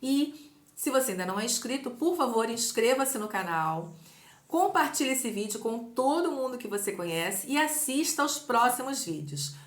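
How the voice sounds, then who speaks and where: A woman with a Brazilian accent teaches a grammar lesson online, with a fairly high voice that rises and falls a lot. She explains patiently and stresses each example slowly. The voice carries a noticeable room echo. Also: expressive. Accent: Brazilian Portuguese. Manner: clear, patient, deliberate explaining. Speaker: Portuguese teacher. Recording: echoey room.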